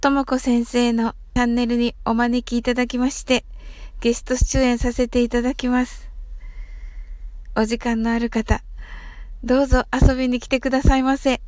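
A woman's voice: a little high, flat delivery, a little mellow, no echo. Polite Japanese woman teaching English. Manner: polite, slow spelling out words letter by letter. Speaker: English teacher and podcast host. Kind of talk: solo audio English lesson.

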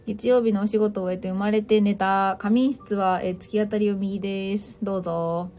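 A woman's voice: medium pitch, steady tone, normal speed, mellow. Playful Japanese-speaking woman hosting a livestream. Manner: playful, teasing, mixes in English phrases. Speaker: livestream host. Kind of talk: casual livestream chat, reading listener comments.

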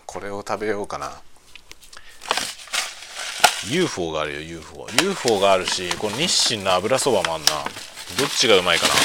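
Deep-voiced man in animated, grumbling casual chat. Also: very noisy. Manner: blunt, grumbling, often breaking into chuckles. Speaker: streamer chatting on a lunch break. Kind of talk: casual chat, venting about work.

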